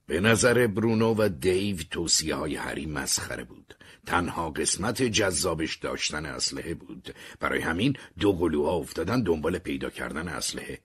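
A man narrating an audiobook in first person, expressive in his storytelling. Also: deep voice, husky.

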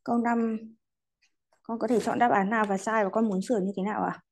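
A woman's voice: fairly high pitch, fairly even intonation, fairly quick. A woman teaching an English class, polite and patient, slipping English words into her explanations. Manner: polite, patient, adds courteous particles to most sentences. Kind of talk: online class lesson.

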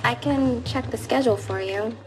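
A woman's voice: fairly high pitch, moderate pace, faint music behind, lightly acted. A woman playing a polite, apologetic receptionist.

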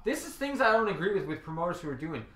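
A man speaking as a podcast guest, giving blunt, profane, animated opinions in casual chat. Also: fairly high pitch, racing. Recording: roomy echo.

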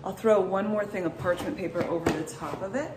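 A woman in her thirties, a vlogger, chats casually to camera and asks her viewers questions while putting away groceries in her home kitchen. Her voice is on the low side and a little fast. She films on a handheld phone that's often set down at a distance, so the recording is echoey, noisy, and far-miked.

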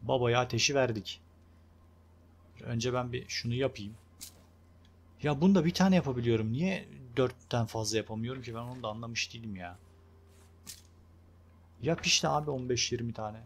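A young man casually commenting on his own gameplay, chatty and excitable, talking to his viewers and urging on the game character. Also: medium pitch, moderate pace, pauses often. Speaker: gameplay video host. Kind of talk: casual let's-play commentary.

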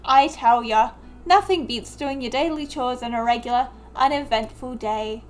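A weary, folksy farmer dad from a storybook game, put on by a woman. He speaks his homespun lines in a high, unhurried way. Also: soft background music, close to an everyday voice. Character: weary hardworking farmer father.

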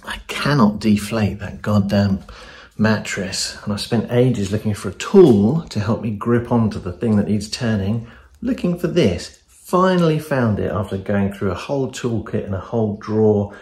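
A man's voice: lowish voice, lively intonation, moderate pace, darkish tone, soft background music. A man in his forties with a London accent, vlogging casually from his home, rambling and self-deprecating as he films himself on a phone at arm's length. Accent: British English (London). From England. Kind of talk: casual self-filmed vlog. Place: home rooms, indoors. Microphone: phone camera at arm's length.

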